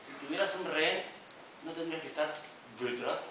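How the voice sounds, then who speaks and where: A young man plays a wry cop with a Rioplatense Spanish accent, delivering mock-formal warnings in a fairly high voice. He is recorded far from the camera in a very echoey room under loud noise. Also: a little fast, close to an everyday voice. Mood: stern. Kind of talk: amateur student skit.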